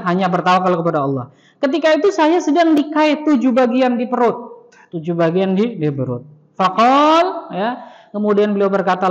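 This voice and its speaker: A male Islamic teacher giving a conversational study lecture in a mosque, joking and putting rhetorical questions to the audience. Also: high voice. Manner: fills phrases with "ya" and "nah". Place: mosque hall. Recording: reverberant mosque hall, dull lo-fi sound.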